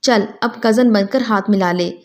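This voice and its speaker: Woman reader as a calm, kind young man, storybook style. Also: medium pitch, close to an everyday voice. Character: kind young man, gentle, patient groom-to-be.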